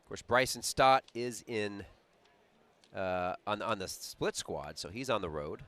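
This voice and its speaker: A man doing play-by-play for a baseball broadcast, chatty and animated, mixing calls with lively stories. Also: lowish voice, a little slow, no room sound. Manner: chatty, animated storyteller with a laugh. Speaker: play-by-play announcer.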